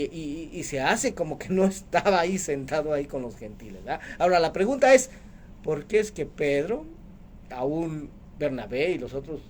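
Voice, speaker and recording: A man's voice: a little high, a little mellow, slight background noise. A man preaching a radio sermon as the program's host, emphatic, asking rhetorical questions and calling listeners brother.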